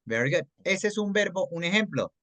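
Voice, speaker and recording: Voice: mid-range voice, sing-song, moderate pace, fairly bright tone, no room sound. An English teacher with a Colombian accent explains grammar to a student in an online class, mixing English words into Spanish and often checking that the student follows. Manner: patient, checks understanding often.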